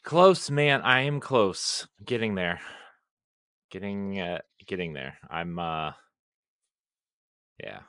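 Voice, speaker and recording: A man co-hosting a casual podcast chat, laid-back and low-key. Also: lively intonation, slow pace, long pauses, a bit bright, clean tone, no echo, clean studio sound. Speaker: podcast co-host.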